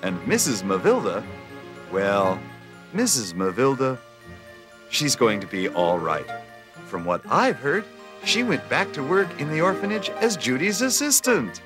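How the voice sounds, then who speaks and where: A man narrating a low-budget holiday film in a gentle, reassuring storybook tone. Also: big pitch swings, unhurried, music in the background.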